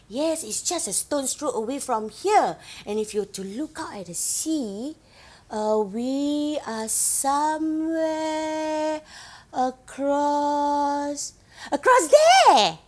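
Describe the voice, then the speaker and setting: An actress with a Singaporean accent, playing a young woman who fondly recalls her island village childhood, gently telling her story and asking the listener questions. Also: high voice, exaggerated voice. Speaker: actor in a monologue. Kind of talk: theatrical storytelling monologue to the audience.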